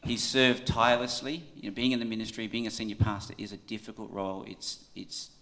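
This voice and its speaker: An Australian man giving an informal church tribute in a halting, conversational way, often checking in with his listeners. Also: on the low side, level tone, pushed and bright.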